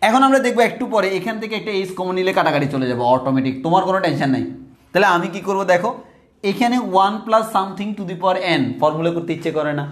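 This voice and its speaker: A man tutors math at a whiteboard in a fairly high voice. He calls his students brother, says phrases twice and slows right down on each formula. The room around him is echoey. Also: lively intonation. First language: Bengali.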